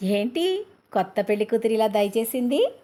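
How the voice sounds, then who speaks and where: A woman's voice: on the high side, sing-song, normal speed, mellow. A woman voicing a cheerful young friend who teases and gives advice. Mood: teasing. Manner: teasing, laughing.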